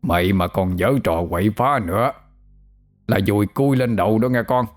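A man's voice: on the low side, normal speed, faint music behind, natural voice. A man voicing a burly, brutal male prison guard who snarls threats. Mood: gruff menace.

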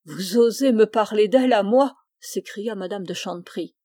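Une lectrice incarnant une vieille mère dévote, glaciale et autoritaire. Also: female voice, mid-range voice, measured pace, mellow, no echo, clean studio sound, natural voice. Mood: indignant. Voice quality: cold, commanding. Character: stern devout aristocratic mother, older woman.

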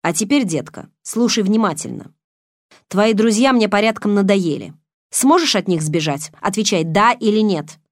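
A woman reading the lines of a smooth, menacing man on the phone, calm and mocking. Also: medium pitch, moderate pace, dry recording, clean studio sound, close to an everyday voice.

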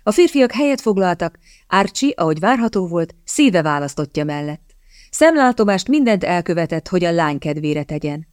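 A woman narrating a novel as an audiobook, in a measured, expressive read. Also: lowish voice, clear, resonant tone, dry recording, clean studio sound. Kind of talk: scripted narration.

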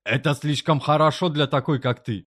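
A woman voicing a crude, menacing middle-aged male boss who growls threats in a low, rough voice. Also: normal speed. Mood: threatening.

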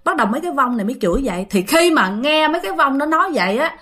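A woman telling a ghost story casually to her listeners, acting out the quoted shouting in a raised voice. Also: sits high, very animated, racing.

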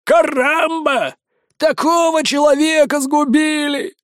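A man voicing a panicky male pirate parrot who squawks his lines in slow, drawn-out cries. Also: extremely high pitch, fairly even intonation, a bit bright, no echo, studio quality, voice pushed up, heavily acted. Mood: alarmed.

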